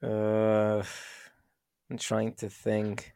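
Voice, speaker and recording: A man's voice: lowish voice, completely flat delivery, extremely slow, vocal fry, mellow, smooth, no room sound, clean studio sound. A man co-hosting a casual football podcast, playful and teasing, thinking aloud as he answers. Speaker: podcast co-host.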